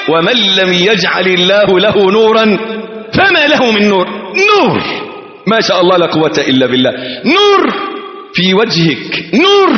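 A man preaching a sermon with an Egyptian accent. He is dramatic, swings between shouted exclamations and quiet low asides, and asks the listener questions that he answers himself. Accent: Egyptian Arabic. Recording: echoey hall, dull lo-fi sound.

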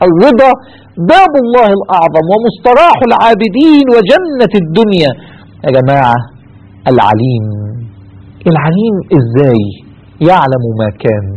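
A man's voice: on the high side, husky, dull audio. A man preaching in an Egyptian Arabic accent, fervent, firing rhetorical questions and repeating key phrases for emphasis. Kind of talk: impassioned religious talk.

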